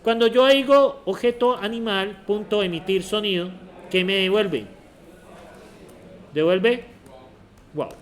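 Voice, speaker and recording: A man teaches a university programming class. He explains step by step and keeps throwing short check questions at the students. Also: high voice. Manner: asks the class many quick check questions. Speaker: university lecturer. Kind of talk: classroom lecture.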